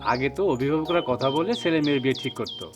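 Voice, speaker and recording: A man's voice: mid-range voice, racing, music in the background, natural voice. A man playing a chuckling, easygoing family friend. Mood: jovial. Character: cheerful male family friend, persuasive. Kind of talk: TV serial acting.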